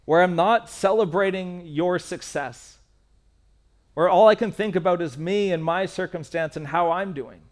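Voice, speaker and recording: A man's voice: sits high, normal speed. A man, a pastor, giving a sermon in an earnest, candid way, repeating key phrases for emphasis. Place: church stage.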